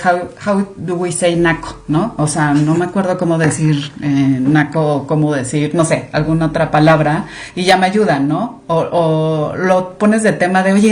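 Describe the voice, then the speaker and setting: A Mexican woman, a clinical monitoring director, appears as a podcast guest, chatting casually and animatedly in Mexican-accented Spanish with frequent fillers. Her voice is lowish with a darkish tone, in a conversational interview.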